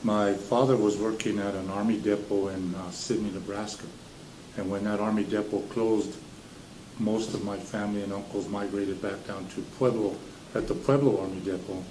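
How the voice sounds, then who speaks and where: A man's voice: fairly low pitch, fairly even intonation, normal speed. A man in his sixties from southern Colorado, answering interview questions plainly with a few fillers. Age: 60s. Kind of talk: casual recollection. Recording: echoey room with background noise.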